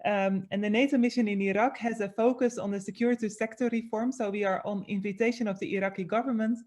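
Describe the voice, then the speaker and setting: A woman's voice: medium pitch, steady tone, fast, a little mellow. A woman from the Netherlands, introducing her aid work in a composed, matter-of-fact way. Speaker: aid country director. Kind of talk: panel introduction.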